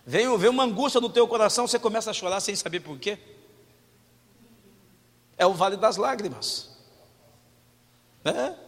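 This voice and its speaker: High-voiced animated male preacher. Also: in a large hall. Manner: animated preaching, swinging from loud to hushed; talks directly to the congregation with questions. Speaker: pastor. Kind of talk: sermon.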